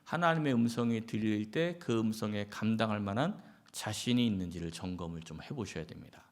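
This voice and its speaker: A man's voice: fairly low pitch, a little fast. A male pastor giving a Sunday sermon in a conversational way, asking the congregation questions and acting out short quotes. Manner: conversational preaching with acted quotes and rhetorical questions.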